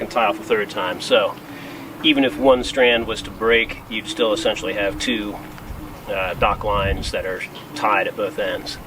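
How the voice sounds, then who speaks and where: Man explaining casually over clear background noise. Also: on the low side. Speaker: liveaboard sailor, vlog host. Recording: noisy boat recording with windy ambience.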